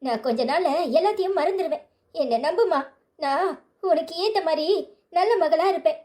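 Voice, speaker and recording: A woman's voice: very high-pitched, expressive, moderate pace, a little mellow. A woman voicing a hurt but firm young woman student in a cartoon, exasperated, with a Tirunelveli Tamil accent.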